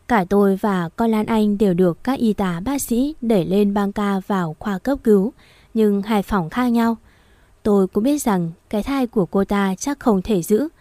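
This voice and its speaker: A woman narrating a first-person story in a steady, plain storytelling manner. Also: medium pitch, no echo.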